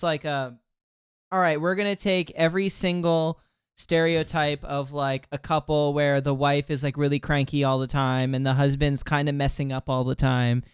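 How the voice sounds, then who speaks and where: A man guesting on a casual podcast, talking in an excitable, rambling way on a close mic. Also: on the high side, clean tone, dry recording.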